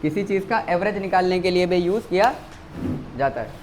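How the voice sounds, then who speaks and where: A man with a high voice and an Indian accent teaches a maths class. He keeps quizzing his students and answers each question himself. Faint noise sits behind him. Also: normal speed. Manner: repeats key words for emphasis.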